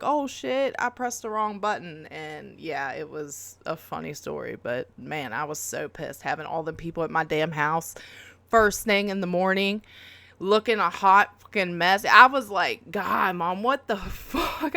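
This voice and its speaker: A woman hosting a reaction video, telling a story in casual chat, animated and swearing, jumping up high when she acts out quotes. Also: clean tone, dry recording.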